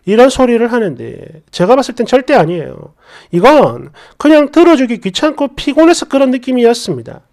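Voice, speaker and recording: Lively woman narrating a story. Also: fairly high pitch. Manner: indignant, questioning tone. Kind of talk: scripted first-person story reading.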